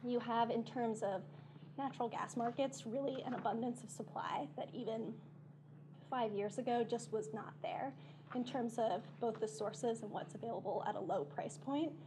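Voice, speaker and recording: A woman giving formal policy commentary as a panel discussant, her voice failing and hoarse, clearing her throat now and then. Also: a little high, normal speed, noisy background. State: losing her voice. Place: seminar room.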